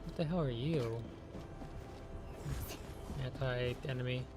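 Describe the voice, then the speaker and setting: A man's voice: medium pitch, takes it slowly, over music. A man chatting casually while playing a video game on a live stream. He rambles with lots of filler words and is running on very little sleep. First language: English. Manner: rambling, chatty, heavy use of "like".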